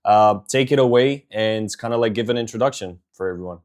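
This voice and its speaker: A man's voice: on the low side, fairly quick, a little mellow. Chummy, rambling male interview host. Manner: loose, filler-heavy, chummy. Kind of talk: casual interview hosting.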